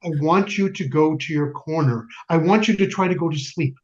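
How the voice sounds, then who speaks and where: This community theater actor's voice, a bit high for a man and close to how he'd normally speak, carries a bereaved wartime father's solemn narration, deliberate and full of pauses. He sounds tender but stern, with a note of urgency. Music plays beneath a dull, slightly muffled lo-fi recording.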